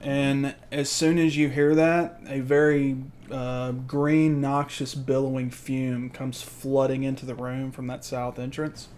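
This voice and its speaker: A man improvising narration as game master of a tabletop game, explaining in a halting way. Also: mid-range voice, flat delivery, darkish tone. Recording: faint background noise.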